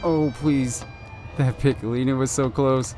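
A man's voice: mid-range voice, fairly even intonation, unhurried, mellow, faint music behind. A man giving live commentary while playing a driving game, nervous and pleading as he keeps urging the car on. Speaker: gaming video creator.

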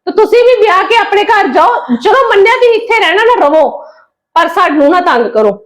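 A woman plays a weary young wife in a web family drama, firmly scolding her husband's sister. Her voice is very high for a woman, and she speaks in a steady lecturing tone. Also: brisk. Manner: firm and lecturing.

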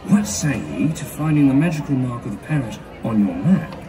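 An actor playing a salty old pirate with the gruff manner of an old fisherman, cheerful and scheming. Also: medium pitch, very animated, normal speed, crowd noise, noisy background, close to an everyday voice. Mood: jaunty, grumbling. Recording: distant outdoor playback over music.

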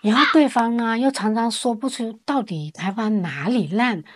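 A talkative woman tells stories to the camera in a relaxed vlog. Her voice sits a little high, and she retells conversations by speaking the other people's lines herself. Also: normal speed. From mainland China. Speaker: vlogger. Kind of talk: casual storytelling vlog.

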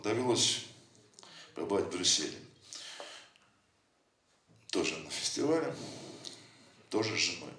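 A man presents his poetry book, reciting verse in a rhythmic cadence and chatting loosely between poems with anecdotes. His low voice is bright and forceful, swinging widely in pitch, a little slow with long pauses. The mic is distant in an echoey room.

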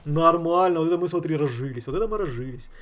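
A man's voice: on the high side, fast talker, a bit bright. A man giving casual, slangy gameplay commentary, thinking aloud and repeating himself. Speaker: gaming streamer. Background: game music.

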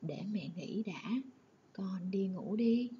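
A woman voicing a tender, worried mother of two, speaking softly and low while reading a story aloud for pupils. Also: slow, lo-fi sound, slight background noise, lightly acted. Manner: soft, low and hushed.

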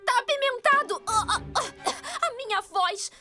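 A woman's voice: very high-pitched, sing-song, normal speed, music in the background. A woman with a Brazilian accent voicing a vain, bossy young girl pop star in a cartoon, self-important and dramatic. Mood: upset complaining. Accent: Brazilian Portuguese. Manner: self-important, dramatic, whiny when crossed. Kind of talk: animated cartoon dubbing.

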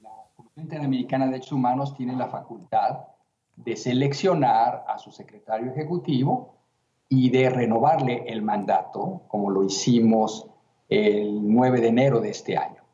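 A man's voice: mid-range voice, warm tone. Man answering formally over a dull, roomy line. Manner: measured, official tone with frequent hesitations. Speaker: interviewee, human rights commission president. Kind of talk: formal remote interview answers.

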